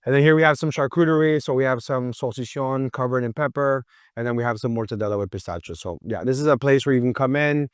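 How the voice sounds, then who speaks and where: A man's voice: medium pitch, fast talker, hardly any pauses, clear, resonant tone, dry recording, clean studio sound. A man who owns a food boutique, talking casually and at length in an interview, with plenty of fillers. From Miami. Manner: relaxed and talkative, with frequent fillers.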